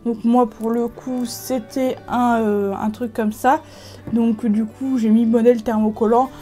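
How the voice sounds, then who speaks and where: Casting note: woman from France, higher-pitched but mellow, relaxed chatty craft tutorial full of "euh" and restarts, faint music behind. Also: a little slow. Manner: chatty, many fillers and restarts. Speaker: craft video creator.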